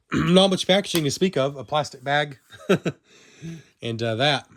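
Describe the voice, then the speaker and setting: A man's voice: on the high side, expressive, takes it slowly. A man from the American South with a Southern accent, casually reviewing a vinyl toy in a rambling, chatty way full of fillers and self-corrections. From Southern United States. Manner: talks to himself while handling the toy.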